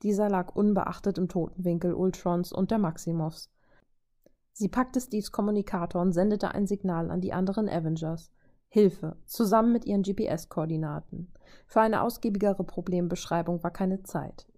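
A woman reading a fan-fiction story aloud in German with a steady storytelling delivery. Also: fairly low pitch, normal speed. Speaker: reader.

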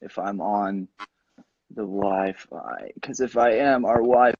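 A low-voiced man in his thirties talks casually over a video call, and his audio keeps breaking up and dropping in and out. The sound is dull and dry, like it comes through a laptop connection. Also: steady tone, takes it slowly, darkish tone, husky, dry recording. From United States. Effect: video call audio breaking up, cutting in and out. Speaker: guest author. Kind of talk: remote interview chat. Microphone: computer or phone on a video call.

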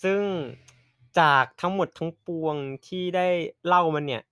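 A man with a Central Thai accent hosting a casual podcast chat, polite and quick to laugh. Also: high-pitched, fairly bright tone, clean tone, no echo, clean studio sound. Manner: polite, laughs often, drawn-out wrap-up. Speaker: podcast host.

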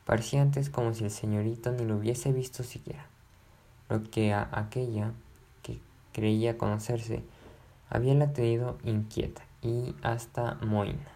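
A man narrating a classic novel aloud in a measured, unhurried way. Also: medium pitch, steady tone, mellow.

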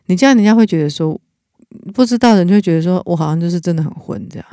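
This teacher and podcast co-host speaks Mandarin with a Taiwanese accent, earnestly relating a personal story in relaxed chat and restarting often. The mid-range voice is animated and racing with a dark tone, heard in clean studio sound without echo.

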